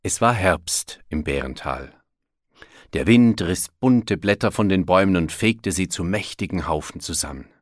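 A man reading a children's storybook aloud in an expressive way. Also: low-pitched, normal speed, no echo, studio quality.

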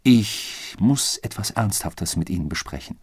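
A man voicing a scheming male detective who presses his case in a hushed, conspiratorial way, in a husky, dry reading. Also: on the low side, lively intonation, measured pace, no room sound. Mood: insistent. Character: scheming insistent male police detective, adult.

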